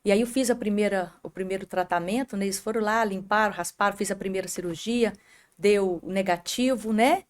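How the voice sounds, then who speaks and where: Uma mulher com sotaque brasileiro, convidada de um podcast, contando um testemunho de fé com emoção e chamando o apresentador pelo nome. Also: female voice, mid-range voice, fairly quick. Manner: emotional storytelling, often addressing the host by name. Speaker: podcast guest. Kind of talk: faith testimony in an interview.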